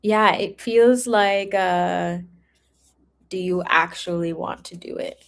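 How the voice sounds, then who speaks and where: With a lowish, gravelly yet fairly bright voice, a woman speaks slowly while hosting a tarot livestream. She keeps the chat with viewers casual and informal, regularly breaking into giggles.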